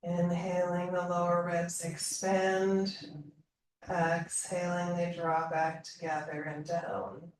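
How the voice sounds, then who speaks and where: A woman with a fairly low voice leads a slow guided meditation, calm and soothing, with long pauses between phrases. The recording is roomy and echoey from a distant mic, with faint noise.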